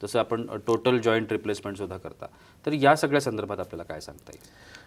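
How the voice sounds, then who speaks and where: A man's voice: fairly low pitch, animated, fast. A man hosting a TV health program, introducing the guest formally and asking questions. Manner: formal, frequent short acknowledgments. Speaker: TV show host.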